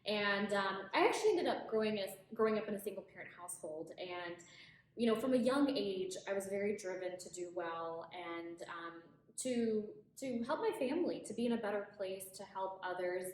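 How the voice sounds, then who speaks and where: A woman's voice: medium pitch, expressive, moderate pace. A woman in her late twenties, originally from Ethiopia, talks about her work in a casual, earnest way, often restarting her sentences. Her voice rings out in a very echoey room, and a faint ambient hum sits behind it. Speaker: guest, HR professional. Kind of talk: casual video interview.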